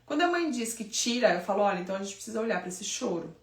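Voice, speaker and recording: A woman's voice: mid-range voice, big pitch swings, racing, echoey room, far from the mic. A woman sleep consultant giving direct, emphatic advice to parents in a conversational way.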